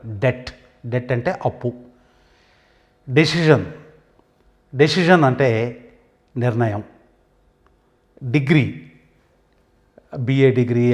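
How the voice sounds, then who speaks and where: A man's voice: mid-range voice, a little mellow. Telugu guy going through english words one by one, says the word then what it means, plain mid voice. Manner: says each English word, then gives its meaning, pausing between items. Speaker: English teacher. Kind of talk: vocabulary lesson.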